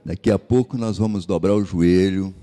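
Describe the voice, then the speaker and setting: A man's voice: sits low, moderate pace, dark tone. A man from Espírito Santo with a Capixaba Brazilian accent, preaching an impassioned sermon as pastor and asking the congregation rhetorical questions. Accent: Capixaba Brazilian Portuguese.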